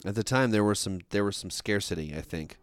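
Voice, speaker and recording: Very deep-voiced man co-hosting a podcast. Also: fairly quick, smooth, no echo. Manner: loose and rambling, with frequent you knows and likes. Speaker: podcast co-host. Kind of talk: casual podcast chat.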